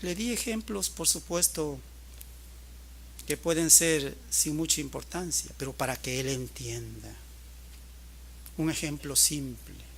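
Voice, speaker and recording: Bright-voiced preaching man, soft to loud. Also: on the high side, measured pace, vocal fry, pauses often, slight background noise. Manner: swings from soft storytelling to loud emphatic preaching. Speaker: pastor. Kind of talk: sermon.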